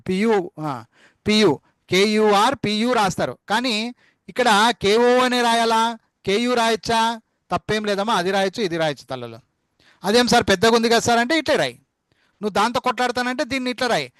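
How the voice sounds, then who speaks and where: A male teacher giving an online class lesson, repeating syllables slowly to drill spelling and fondly calling his students amma and nanna. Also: high-pitched, a bit bright, no echo. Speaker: spoken English teacher.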